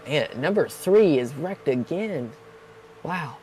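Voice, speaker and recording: A man giving casual, excitable play-by-play commentary on an online truck race. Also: fairly high pitch, slow, a little hiss or hum. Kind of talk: sim racing commentary.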